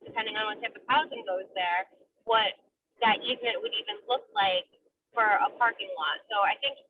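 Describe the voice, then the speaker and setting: A woman's voice: mid-range voice, moderate pace. A woman serving as committee liaison, calling into a meeting by car speakerphone while driving, speaking hesitantly with many fillers and restarts. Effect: car speakerphone call. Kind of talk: remarks at a public committee meeting. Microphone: phone speakerphone. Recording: tinny phone line, distant, faint road noise.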